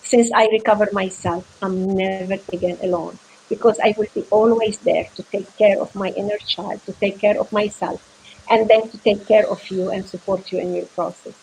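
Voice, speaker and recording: A woman from Venezuela who works as a psychotherapist, giving a heartfelt motivational talk over a video call in an earnest, halting way, often repeating words as she searches for phrasing. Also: medium pitch, fairly even intonation, creaky, a little mellow, a little hiss or hum, poor audio. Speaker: psychotherapist, guest speaker.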